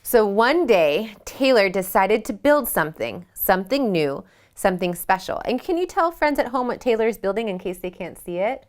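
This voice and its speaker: A woman leading a children's yoga storytime at home. She reads a picture book aloud and asks the kids gentle questions. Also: medium pitch, sing-song, moderate pace.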